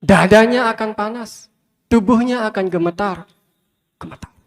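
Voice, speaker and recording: A high-pitched Buddhist monk preaches at a moderate pace, speaking directly to those listening and hammering home phrases through repetition. Long reverb fills the recording from the large hall where many fans are gathered.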